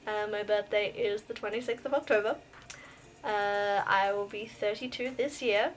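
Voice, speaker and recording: A woman's voice: medium pitch, steady tone, normal speed, slight background noise. An Australian woman in her thirties chatting bubbly and giggly through a casual Q and A vlog in a bedroom full of plush toys. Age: 30s. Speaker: vlogger.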